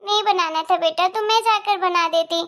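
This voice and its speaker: A woman voicing a fussy, scolding older mother-in-law in an animated family story. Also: moderate pace. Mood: fussing. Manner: fussy, scolding, higher and louder.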